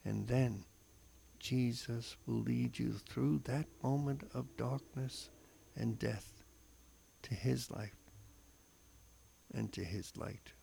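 A man's voice: medium pitch, slow pace, creaky, long pauses, dark tone, a little hiss or hum. A man co-hosting a religious radio show, talking and reading devotions in an earnest, emphatic way.

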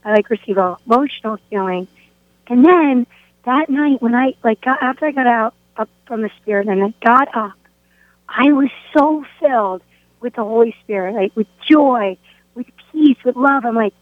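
A woman sharing her personal faith testimony, animated as she acts out what people said to her. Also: fairly high pitch, normal speed, no room sound. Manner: animated storytelling, acts out quoted speech. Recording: tinny phone line, dry.

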